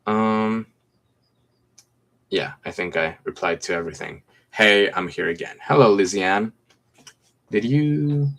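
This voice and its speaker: A young Greek man, twenties, with a low, deep voice and a faint American accent, hosts an easygoing livestream on his phone from a mint-green-walled room at home. He reads comments aloud and answers them one at a time at a measured pace, with long pauses.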